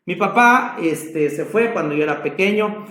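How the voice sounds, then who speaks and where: A man's voice: sits high, expressive, a little slow, fairly bright tone, roomy sound. A man with a Mexican accent preaching a sermon in a church, dramatic and passionate in his storytelling. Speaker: pastor.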